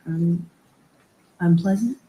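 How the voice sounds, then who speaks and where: A woman's voice: on the low side, slow, dark tone. A woman in a courtroom recording, a witness on the stand giving terse, short answers. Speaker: trial witness. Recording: echoey courtroom audio.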